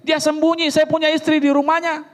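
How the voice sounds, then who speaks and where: A man's voice: very high voice, animated, very fast, big-room sound, pitched above the performer's own voice. A man acting out a furious, bitter middle-aged husband who rants and hurls accusations. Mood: angry. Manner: ranting, shouting accusations.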